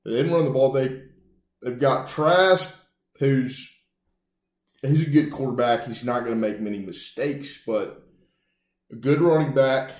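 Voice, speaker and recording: Animated male sports podcast co-host. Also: mid-range voice, unhurried, long pauses. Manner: animated, mock-announcer asides. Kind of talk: casual sports talk. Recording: roomy echo.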